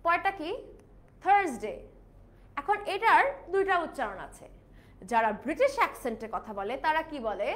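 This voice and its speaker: A young woman, teaching pronunciation in a live online class, mixing Bengali with English and slowly drilling each word. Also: sits high, big pitch swings, fairly bright tone, a little hiss or hum.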